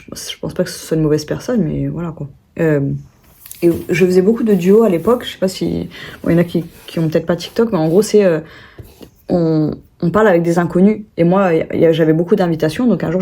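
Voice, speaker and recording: A young woman talks straight to her viewers in a loose, rambling way. She fills her sentences with fillers and restarts, and she acts out the voices of the people in her story. Her voice sits fairly low and sounds warm and dark. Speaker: vlogger. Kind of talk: casual storytelling to camera.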